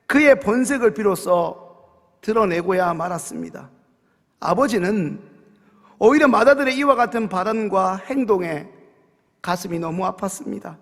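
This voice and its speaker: A man's voice: sits high, vocal fry. A male pastor preaching a sermon in a church, earnestly questioning his congregation. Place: church sanctuary. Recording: reverberant church sanctuary.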